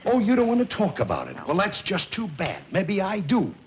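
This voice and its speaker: A domineering, bitter husband. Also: male voice, high voice, huge pitch swings, normal speed, dull audio, slight background noise. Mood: angry. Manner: domineering, harsh. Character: domineering, bitter middle-aged husband and father. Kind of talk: 1950s television drama acting.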